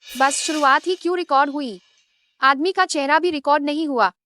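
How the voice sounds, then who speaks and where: A woman's voice: high voice, normal speed, pushed and bright, dry recording. An actress playing a spoiled, jealous rich young woman in a dubbed drama, haughty and scheming.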